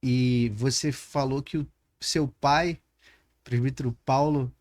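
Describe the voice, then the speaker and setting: Hosting a conversational podcast interview, a man with a Brazilian Portuguese accent speaks slowly in a steady, mid-range voice with a slightly mellow quality. He is reflective, building long questions out of examples.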